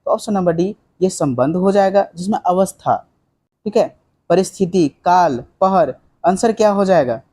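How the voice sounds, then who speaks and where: A man's voice: sits high, animated, moderate pace, dark tone, breathy edge. A young man teaching an exam-prep lesson, working through quiz questions in a chatty way, often saying "ठीक है" and mixing in English words. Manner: conversational, fills with "ठीक है", quizzes students rhetorically, mixes in English.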